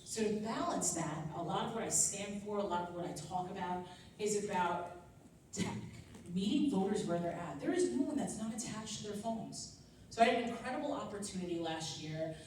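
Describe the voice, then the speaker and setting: A young woman from Long Island, New York, gives an earnest, upbeat speech at a political training event, often saying "um" and "like." Her mid-range voice is animated and a little mellow at a moderate pace. The room is echoey, her voice is picked up from far off, and there's slight background noise.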